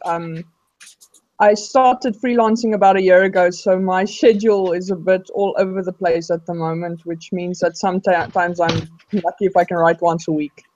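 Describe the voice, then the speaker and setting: A woman's voice: medium pitch, a little mellow. A woman from South Africa with a South African accent, a fantasy author giving brief, easygoing answers in a casual video-call chat. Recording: dry muffled lo-fi call audio.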